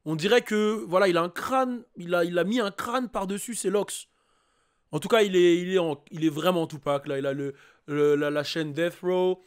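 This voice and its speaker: A man hosting a YouTube reaction video, talking casually and excitedly to his viewers with lots of fillers. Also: high voice. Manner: excitable, hyped, chatty with many fillers.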